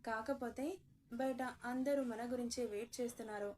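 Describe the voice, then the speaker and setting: A woman's voice: fairly even intonation, moderate pace, a little mellow, close to an everyday voice. A woman voicing a playful, teasing young husband in a romance audio story. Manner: teasing, low and husky.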